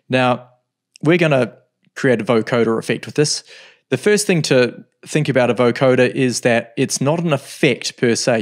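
At a desk in his home studio, a middle-aged man in a mid-range voice explains music software one step at a time. His delivery is easygoing, with pauses while he thinks.

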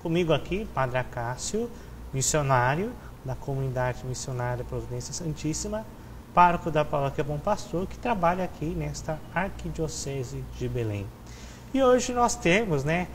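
Young priest hosting a TV interview. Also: male voice, fairly high pitch, slight background noise, poor audio. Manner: friendly, formal questioning. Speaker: TV host, priest. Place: TV studio with chapel set. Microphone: lapel.

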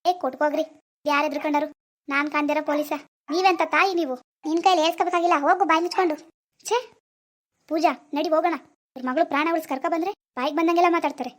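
A young man playing a stubborn village man who argues quickly and bluntly in a village drama. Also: very high voice, fairly even intonation, a bit bright. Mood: defiant.

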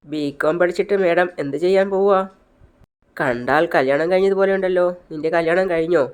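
A man's voice: fairly high pitch, brisk, clean tone, close to an everyday voice. A man voicing mocking young male college bullies who tease a newcomer. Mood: teasing. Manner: mocking, teasing.

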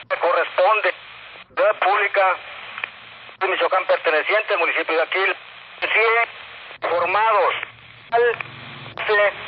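High-pitched man reporting slowly over radio. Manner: halting dictation, repeating phrases. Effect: voice over two-way radio. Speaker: police officer reporting by radio. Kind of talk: radio incident report, dictating details. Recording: dull, noisy two-way radio transmission.

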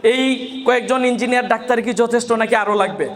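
A man's voice: extremely high pitch, fairly even intonation, fast, a bit bright. A man from Bangladesh, an Islamic scholar, gives a farewell motivational speech to students and keeps asking them rhetorical questions. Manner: asks the audience rhetorical questions.

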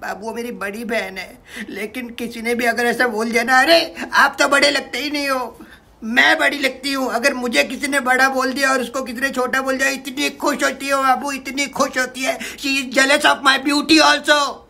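A man's voice: level tone, normal speed, gravelly, pushed and bright, exaggerated voice. A man playing a whiny young woman who complains about her jealous older sister, mixing English into her Hindi and calling her boyfriend "babu" again and again. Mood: complaining, upset. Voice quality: high falsetto girl voice. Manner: mixes English into Hindi, repeats "babu" often. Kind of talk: comedy sketch.

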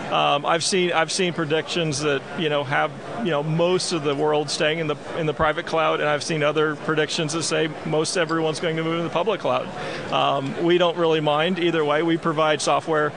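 A man in his forties, a company executive, answers interview questions on a busy, noisy expo hall floor, speaking into a handheld mic held by the interviewer while crowd chatter fills the background. His voice is a little high and creaky, with a level tone and normal speed. He says "um" a lot and gestures as he talks.

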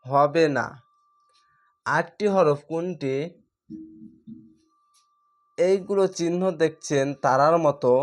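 Male reading tutor, slightly high voice, extremely slow and deliberate, repeats each letter and sound step by step. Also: fairly bright tone. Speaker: Quran reading teacher. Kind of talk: slow step-by-step recitation lesson.

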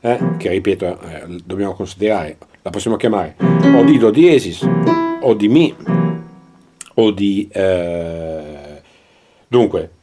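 A man's voice: low-pitched, animated. Italian man teaching piano, over playing. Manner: explains slowly with fillers, demonstrating at the keyboard. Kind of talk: piano lesson explanation.

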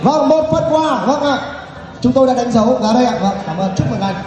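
A man's voice: very high-pitched, animated, a little fast, darkish tone. A young man hosting a live party game show as MC, teasing playfully and hyping the crowd over a PA. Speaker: event MC. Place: large hotel ballroom stage. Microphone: handheld PA microphone heard through distant camera. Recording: echoey hall, distant camera, music and crowd.

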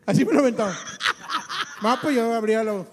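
A man's voice: very high voice, brisk, big-room sound, noisy background. A man, a clown comedian, telling a comic story and imitating the voices of the people in it. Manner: lively, imitates other voices in his story.

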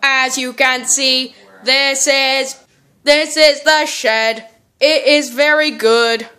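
A woman's voice: sits high, steady tone, takes it slowly, bright, forceful tone, exaggerated voice. Woman doing a stiff robot faking human. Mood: stiff, proud. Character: male robot awkwardly pretending to be human. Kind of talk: toy skit voice play.

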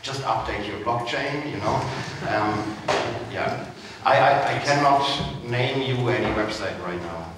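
A man in his forties talks in a relaxed, animated way from a conference stage. His voice comes from well back in a big, echoing hall. A steady noise sits under the speech. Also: lowish voice, a little slow, few pauses. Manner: animated, gesturing, relaxed and chatty. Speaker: conference speaker. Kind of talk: panel talk answering questions. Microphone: headset mic. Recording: echoey hall from far off, noisy.

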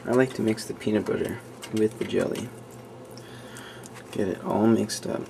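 Recorded close on a handheld camera mic with noisy home audio, this young man runs a homemade cooking show in a small kitchen at night. His gravelly voice sits fairly low, with fairly even intonation and normal speed, as he rambles offhandedly through the casual demo with many fillers.

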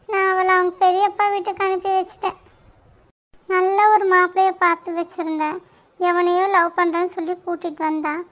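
A woman voicing a worried middle-aged village mother in a cartoon, talking slowly and plaintively. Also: very high voice, a bit bright. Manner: slow, plaintive, lamenting. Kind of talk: cartoon voice acting.

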